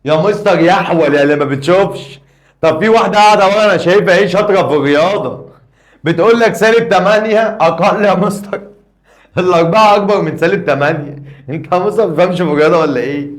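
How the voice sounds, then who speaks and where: A man's voice: high voice, lightly acted. A man voicing a cheeky teenage schoolboy who talks back, with an Egyptian Arabic accent. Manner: pushy, quick comebacks. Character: cheeky teenage boy student, mouthy. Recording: echoey room.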